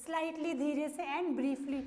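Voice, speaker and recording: A woman's voice: high voice, steady tone, measured pace, darkish tone. A woman teacher with an Indian accent explaining vocabulary to a class, repeating words and asking questions as she goes. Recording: roomy sound with long reverb.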